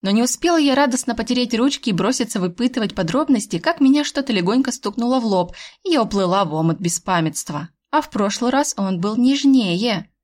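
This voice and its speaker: A woman narrating a first-person fantasy audiobook, expressive and sardonic, with her voice jumping higher in exclamations. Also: fairly quick, few pauses.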